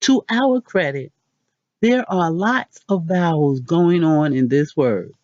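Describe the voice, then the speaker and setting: A woman hosting a casual pronunciation lesson, chatty and self-deprecating, repeating words slowly. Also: low-pitched, animated, darkish tone, dry recording, muffled recording. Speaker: channel host.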